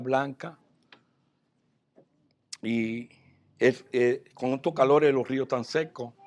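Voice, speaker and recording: Pastor guy preaching, tells a story, goes quiet then gets loud, mid-pitch voice. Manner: animated, swinging from soft asides to loud outbursts. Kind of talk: sermon storytelling.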